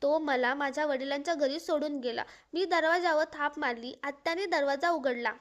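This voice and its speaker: A woman tells an emotional first-person story in an earnest, mournful voice. Her voice sits high and carries the sorrow steadily. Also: moderate pace, highs cut off.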